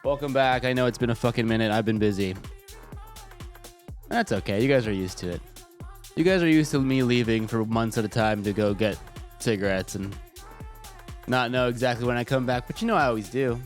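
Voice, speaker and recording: A slightly congested, stuffy man hosts a casual live stream, swearing often as he chats and jokes. He speaks a little fast in a mid-range voice, pausing often, into a desk mic with faint music in the background.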